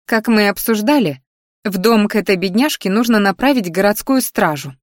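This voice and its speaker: A woman's voice: medium pitch, fairly quick, dry recording, clean studio sound, close to an everyday voice. A woman voicing an agitated, commanding mother who fusses over a hurt girl. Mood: bossy. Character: fussy worried mother, bossy.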